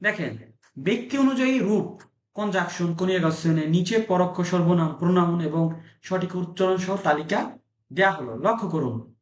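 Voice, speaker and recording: High-voiced man teaching Italian online. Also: reverberant, dull audio. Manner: repeats words and phrases for students; asks students questions. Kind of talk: online class lesson. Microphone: video call.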